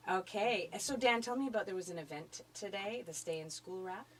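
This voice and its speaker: A woman's voice: medium pitch, fairly quick, slight background noise, rough recording. A woman interviewing guests on the radio, asking encouraging questions in an upbeat way.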